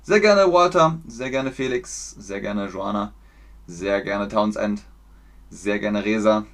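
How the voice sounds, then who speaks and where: A man from Germany teaching German on a livestream, explaining slowly, clearly and patiently. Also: on the low side. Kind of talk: livestream language lesson.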